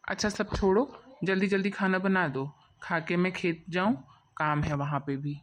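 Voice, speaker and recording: A woman voicing a stingy, grumpy village husband in a cartoon, gruff and dismissive. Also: on the low side, moderate pace, a little hiss or hum, natural voice. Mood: grumbling. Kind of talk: cartoon voice acting. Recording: dull lo-fi dry audio.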